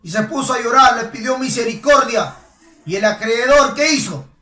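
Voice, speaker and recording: A man preaching a sermon emphatically, asking rhetorical questions and rising to shouts. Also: very high-pitched, expressive, moderate pace, soft background music. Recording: echoey room, voice from a distance.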